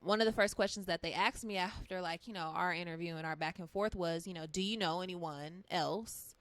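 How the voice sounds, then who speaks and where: A woman's voice: fairly low pitch, fairly even intonation, fast talker, dry recording. A woman guest, a singer, telling stories in a casual interview, chatty and full of fillers and acted-out quotes.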